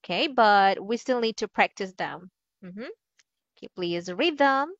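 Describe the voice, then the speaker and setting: Woman english tutor on an online call, talks slow and bouncy, dull lo-fi mic. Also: mid-range voice, animated, no room sound. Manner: cheerful, laughs often, slow and encouraging. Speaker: ESL teacher. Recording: dull lo-fi sound.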